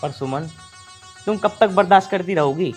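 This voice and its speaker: A man's voice: high-pitched, moderate pace, soft background music, close to an everyday voice. An actor playing a young husband torn between wife and mother, talking urgently and protectively.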